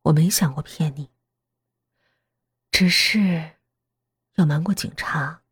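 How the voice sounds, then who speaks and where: A woman playing a calm, sinister mother, half-whispering. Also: deep voice, slow pace, breathy edge, no room sound, studio quality, exaggerated voice. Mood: cold calm. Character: calm, sinister middle-aged mother who speaks softly.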